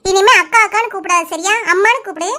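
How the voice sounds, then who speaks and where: A woman's voice: very high voice, quick pace, bright, forceful tone. A woman voicing a kindly, bossy middle-aged village woman in a cartoon, fussing affectionately, with a Kanyakumari Tamil accent. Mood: tender. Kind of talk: cartoon voice acting.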